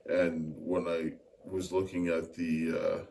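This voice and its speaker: Deep-voiced and slow, with vocal fry and a darkish tone, this middle-aged man delivers his interview answers flatly. He's from Winnipeg, Canada, and describes technical work with many hesitant fillers, recorded on a distant mic amid faint ambient noise.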